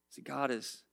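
A man's voice: no room sound, clean studio sound. A man preaching a casual, conversational sermon, telling stories and turning emphatic as he reads scripture. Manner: storytelling, swings from quiet to emphatic.

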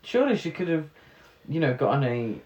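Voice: medium pitch, big pitch swings, a little fast, darkish tone, muffled recording. A podcast co-host chatting casually about a film, hesitant and musing. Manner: chatty, hesitant, fillers and restarts. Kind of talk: casual film review chat. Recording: roomy sound.

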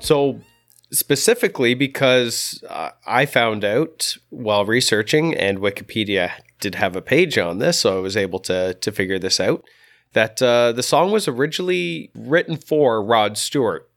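Podcast co-host, male, nasal and congested from a cold, deadpan wit. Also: medium pitch, normal speed. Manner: dry, deadpan jokes. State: stuffy nose from a cold. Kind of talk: casual chat.

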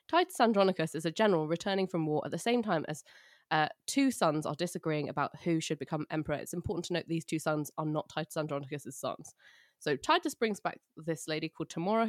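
A woman's voice: low-pitched, dry recording, studio quality. A woman recapping a play with sardonic jokes and mock-dramatic asides. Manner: sardonic, jokey, acts out quotes. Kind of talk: comic plot recap.

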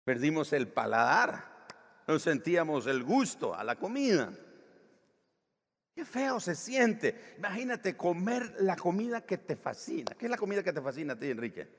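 Animated preaching man in a reverberant hall. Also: on the high side, normal speed. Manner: animated preaching, acts out voices in quotes. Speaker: pastor. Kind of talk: sermon.

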